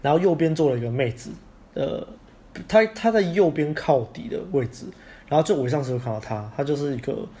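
With an animated, warm, fairly high voice, a man speaking with a Taiwanese Mandarin accent co-hosts a podcast. He rattles off stories in relaxed conversation, dropping the occasional swear word.

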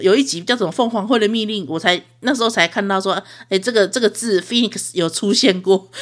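A woman's voice: medium pitch, a bit bright. A young woman with a Taiwanese Mandarin accent, hosting a podcast and telling a story in a chatty, self-mocking way with frequent laughs. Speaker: podcast host. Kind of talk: casual solo storytelling.

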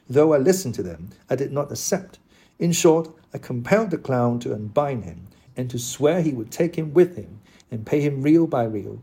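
Casting: man voicing a lofty, lecturing old knight for an audiobook; mellow, husky tone. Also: mid-range voice. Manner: formal archaic speech, declaiming. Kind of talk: audiobook character reading.

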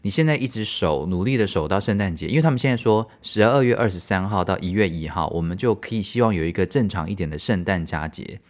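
A low-pitched man with a Taiwanese Mandarin accent hosts a podcast. He talks casually and expressively, in a chatty, giggly manner. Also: expressive, fast, hardly any pauses. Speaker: podcast host. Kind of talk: casual solo chat.

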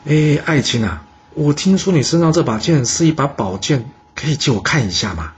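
A man's voice: on the high side, lively intonation, moderate pace, highs cut off, a little hiss or hum, voice pushed up, natural voice. A man voicing a scheming, cruel male ruler in a historical story, sly and fawning. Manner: sly, fawning, shouting in rage.

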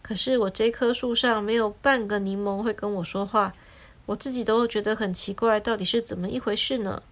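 A woman voicing a lonely, earnest gentleman lemon in a children's story, speaking courteously. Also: medium pitch, fairly even intonation, brisk, natural voice. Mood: puzzled.

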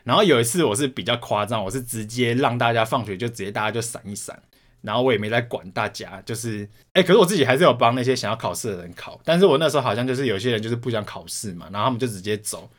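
A man's voice: lowish voice, fast. A young man from Taiwan co-hosting a podcast, telling school stories in a casual chat with plenty of swearing. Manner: swears often, animated retelling. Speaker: podcast co-host.

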